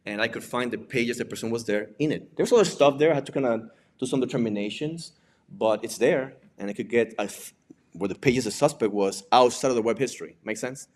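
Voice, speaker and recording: A man with a mid-range, slightly mellow voice talks fairly quickly in an informal lecture. He is a native Spanish speaker from Puerto Rico with a Puerto Rican accent, presenting as a digital forensics examiner and instructor. His style is conversational, with frequent rhetorical questions and "right?" tagged onto his points.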